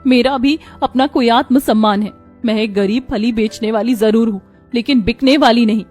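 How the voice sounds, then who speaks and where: A woman's voice: a little high, moderate pace, darkish tone, faint music behind, natural voice. A woman voicing a proud, poor young bride who speaks firmly and indignantly. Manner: indignant, firm.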